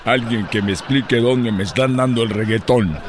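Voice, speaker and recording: A man's voice: medium pitch, normal speed, slight background noise. A man hosting a comedy radio show, telling a joke story and riffing in a playful, teasing way. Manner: joking, rhythmic, teasing. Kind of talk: comedic monologue with parody voices.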